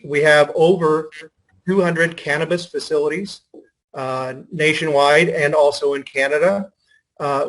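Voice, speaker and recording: A man giving a formal prepared statement as a company representative, measured and assertive. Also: fairly high pitch, fairly bright tone, rough recording.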